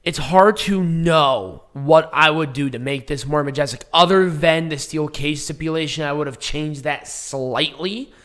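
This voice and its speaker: A man hosting a casual wrestling review show, hoarse and froggy with squeaky breaks after losing his voice on a night out, blunt and self-mocking. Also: measured pace, few pauses, a bit bright. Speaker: wrestling review podcast host. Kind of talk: casual chat and match commentary.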